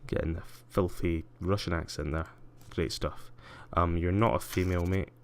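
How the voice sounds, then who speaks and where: A young man plays a game on stream, chatting casually and mocking himself while muttering to himself and to chat. His low-pitched voice is steady and moderately paced.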